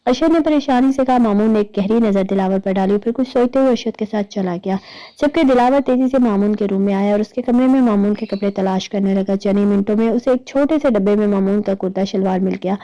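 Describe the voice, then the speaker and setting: A woman narrating a romantic novel in a steady, even reading voice. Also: medium pitch, muffled recording. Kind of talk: storybook narration.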